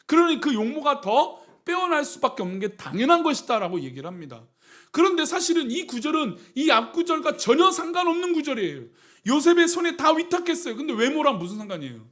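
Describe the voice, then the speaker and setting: A middle-aged male pastor with a fairly high voice preaches a sermon. He poses questions to the congregation and answers them himself. His delivery swings between loud, emphatic lines and quiet, low endings. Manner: reads scripture aloud after calling out "시작".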